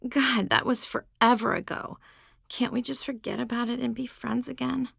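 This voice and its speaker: A woman's voice: a little high, fairly even intonation, moderate pace, vocal fry, fairly bright tone, breathy edge, no room sound, studio quality, pitched above the performer's own voice, heavily acted. A woman voicing a sarcastic, teasing dead teenage girl in an audiobook.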